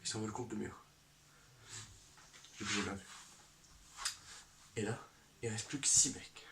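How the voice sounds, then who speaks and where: A man with a low voice spins an absurd comic story, rambling and correcting himself as he goes. He drops in spoken sound effects. He sits at a distance from the mic, and clear noise runs behind him. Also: steady tone, a little slow.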